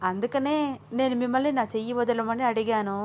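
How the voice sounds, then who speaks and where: Woman voicing a lively, high young woman. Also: a little fast, slight background noise, lightly acted. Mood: chatty. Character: lively young woman, teasing and quick to protest.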